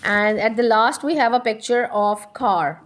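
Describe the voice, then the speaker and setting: A woman teacher giving a classroom lesson, drawing out words slowly and slipping into quick Hindi asides, prompting and repeating answers. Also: a little high. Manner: slow, drawn-out English and quick Hindi asides.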